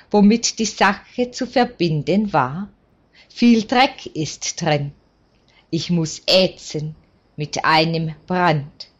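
A stern, caring country doctor from an old storybook, voiced by a woman reading aloud. He speaks bluntly and earnestly, in a slow, unhurried delivery. The recording sounds somewhat dull and muffled. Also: fairly low pitch.

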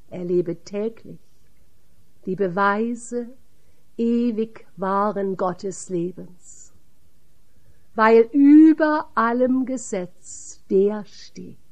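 A woman reading the part of Jesus as a calm, solemn teacher in a measured audiobook voice. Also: on the high side.

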